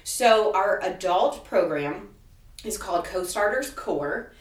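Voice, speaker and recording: A woman's voice: medium pitch, animated, slow pace. A woman co-hosting a podcast, chatting casually and laughing easily while explaining programs. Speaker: podcast co-host and program facilitator. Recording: echoey room, mic at a distance.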